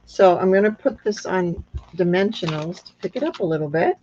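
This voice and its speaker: A woman with a thin, squeaky, reedy voice casually hosting a hands-on craft demonstration, thinking aloud as she goes. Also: expressive, dark tone, slight background noise. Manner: unhurried, thinking aloud with pauses. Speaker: craft tutorial host. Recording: dull lo-fi sound.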